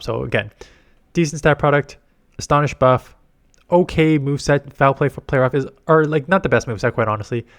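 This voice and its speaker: Rambling male gaming commentator. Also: medium pitch. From Canada. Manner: rambling, self-correcting, explanatory. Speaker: gaming YouTuber. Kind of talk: casual commentary on game strategy.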